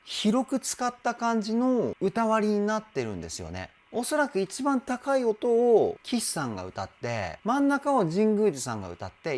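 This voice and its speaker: A man working as a vocal trainer, reacting to a music video and explaining singing technique patiently, breaking into excited exclamations between explanations. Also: high voice.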